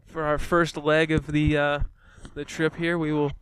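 A man's voice: a little high, little pitch movement, measured pace, a bit bright, clean tone. A man hosting a podcast in casual chat, joking and rambling with frequent restarts. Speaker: podcast host.

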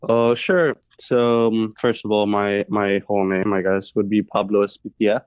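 A young Colombian man whose first language is Spanish speaks as an interview guest, his low voice smooth but flat in tone. He searches for words and restarts often. The recording is dry and somewhat muffled. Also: normal speed, no room sound. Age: 20s. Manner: hesitant, many fillers and restarts. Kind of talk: interview conversation.

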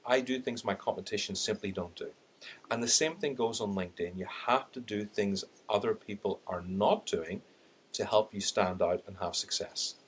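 This Irish-accented, middle-aged man is a podcast guest who trains people in sales and LinkedIn. Candid and lively, he acts out the thoughts he had at the time, adding laughing asides, in a breathy voice on the low side at normal speed.

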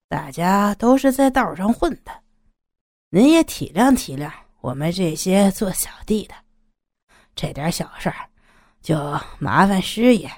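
A woman voicing a hot-tempered, scarred young male gang underling who talks in a placating or blustering way, with lively pitch in a dry recording. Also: dry recording.

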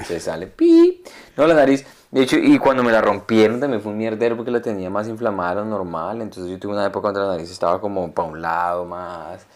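A young man tells stories as co-host of a comedy podcast. His voice sits a bit low, and he talks in an animated, profane way. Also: fast talker, hardly any pauses. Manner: animated storyteller, swears freely. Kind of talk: casual chat.

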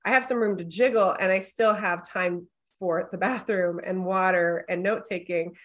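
A woman's voice: fairly low pitch, steady tone, normal speed, a bit bright. A woman co-hosting a podcast, coaching a guest in a candid, emphatic, conversational way. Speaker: podcast co-host and business coach.

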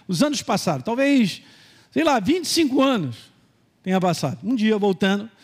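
A man's voice: sits high, very animated, moderate pace. A middle-aged man with a Brazilian Portuguese accent, giving a sermon and telling a personal story in a conversational way, with asides to the congregation. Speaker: pastor. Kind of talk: sermon testimony.

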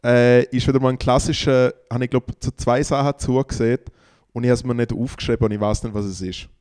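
A man's voice: mid-range voice, steady tone, quick pace, darkish tone, clear, resonant tone. A man, chatting casually as a podcast co-host and telling long stories full of fillers. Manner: rambling storyteller, many fillers. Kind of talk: casual chat.

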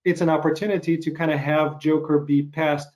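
A man interviewing a guest on a video call, rambling and self-deprecating, with frequent halting restarts. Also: fairly high pitch, little pitch movement, darkish tone. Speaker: interviewer host. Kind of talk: casual interview chat.

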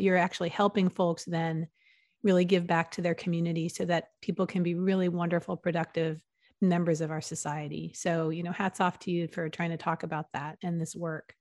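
This podcast interview guest, a woman in her forties from the US East Coast who works as a nonprofit consultant, speaks in an earnest, upbeat way and restarts often. Her voice is on the low side and a little mellow, recorded in studio quality with no echo.

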